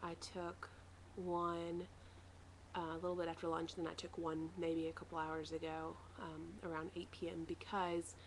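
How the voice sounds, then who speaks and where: A woman with a slightly low voice records a casual video diary at home. She rambles along in a matter-of-fact way, as a vlogger would. There is light noise in the recording. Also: little pitch movement, moderate pace, low-quality recording. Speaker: vlogger sharing a weight-loss surgery recovery diary.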